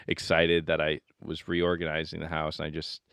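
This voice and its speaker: A man's voice: a bass voice, monotone, normal speed, vocal fry, a bit bright, smooth, dry recording. A man co-hosting a podcast in casual chat, joking and playfully blunt, speaking close into a studio microphone. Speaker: podcast co-host.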